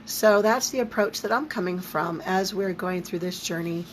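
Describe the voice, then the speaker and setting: A woman speaks in a squeaky voice, strained by an allergy, at a middling pitch. She teaches a live online lesson informally, with down-to-earth, emphatic asides. There is some noise behind her. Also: moderate pace, rough recording. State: throat and voice affected by allergy. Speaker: spiritual teacher leading a live online series. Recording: noticeable background noise.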